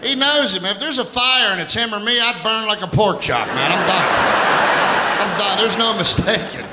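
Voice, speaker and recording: Stand-up man, loud hall crowd. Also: lively intonation, a little fast, heavy background noise. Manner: loud, jokey, swings into high mocking voices for quotes. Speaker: stand-up comedian. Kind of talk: stand-up comedy set. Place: large theater stage. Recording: live show in a big hall, loud crowd laughter.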